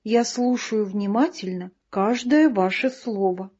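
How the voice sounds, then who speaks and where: A woman's voice: mid-range voice, measured pace, dark tone, slightly rough. A woman voicing a timid, polite young female bee who is eager to please. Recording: dull lo-fi recording.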